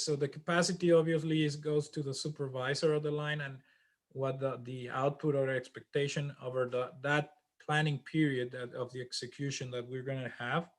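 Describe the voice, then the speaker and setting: A man teaching an online class over a video call, halting with many restarts and fillers. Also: a little high. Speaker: instructor.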